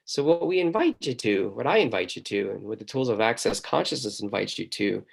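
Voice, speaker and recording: A man's voice: medium pitch, vocal fry. A man hosting a talk show, speaking in an emphatic monologue and asking the listener many questions. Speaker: host. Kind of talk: motivational monologue.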